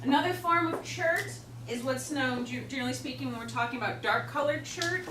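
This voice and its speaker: Chatty and joking, with many fillers, a Chicago-accented woman teaches a class in a voice that sits high and moves a little fast. The lecture is captured from a distance in a roomy classroom with noise.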